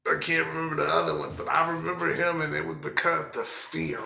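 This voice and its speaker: Philly man, raw gravelly voice, unhurried, cursing, personal testimony, echoey room. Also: a little high, flat delivery, pushed and bright, a little hiss or hum. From Philadelphia, US. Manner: halting and profane, many fillers. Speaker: person telling his life story. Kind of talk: personal storytelling.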